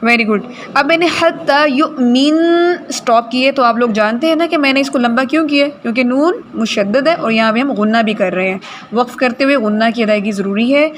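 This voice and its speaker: A woman teaching Quran recitation in a class, correcting students' pronunciation and slowly modelling words for them. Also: a little high, slight background noise.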